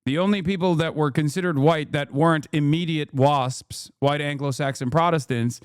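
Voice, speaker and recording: A man's voice: fairly high pitch, normal speed, smooth, no room sound, studio quality. A man doing heated live-stream commentary, blunt and profane as he argues with his chat. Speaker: streamer reacting to clips.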